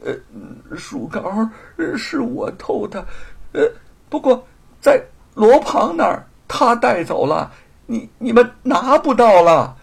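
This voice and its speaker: A man voicing a scheming, sharp-tongued woman villain in a storytelling performance, with a husky voice. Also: very animated, slow, heavily acted. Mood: terrified. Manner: mocking, shrill, then cowering.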